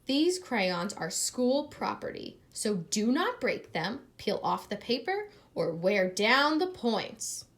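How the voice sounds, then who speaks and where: A woman's voice: fairly high pitch, very animated, slow pace, few pauses, a bit bright, full character voice. A woman voicing a strict, bossy female first grade teacher in a storybook, giving firm classroom orders. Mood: stern. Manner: firm, clipped classroom commands.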